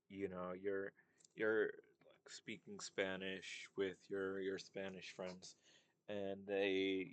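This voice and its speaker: A young man with a very low voice talks through his thoughts in a loose, unscripted monologue. He circles back often, leaning on fillers and restarting his sentences. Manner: rambling, many fillers and restarts. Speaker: commentator on language. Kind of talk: casual monologue.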